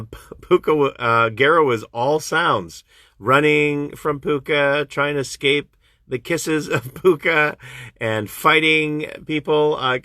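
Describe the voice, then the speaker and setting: A voice actor from Canada talks with fans on a phone livestream, casually fielding their questions. Chatty and animated, he jumps up in pitch when excited. The sound is clean and studio-like with no echo.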